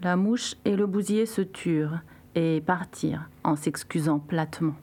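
A woman storyteller reading a children's story aloud in a measured way. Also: on the low side, fairly even intonation, mellow. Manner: slow, measured.

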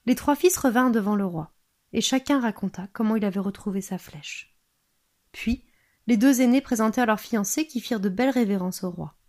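Calm woman reading a fairy tale. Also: mid-range voice, brisk, soft background music. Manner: gentle and soothing. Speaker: storyteller for a museum. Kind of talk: calm read-aloud storytelling.

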